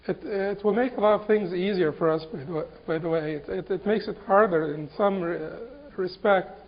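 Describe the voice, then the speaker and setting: A man from Egypt giving an Islamic lecture, halting and repeating words with many fillers. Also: high-pitched, gravelly. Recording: dull lo-fi recording.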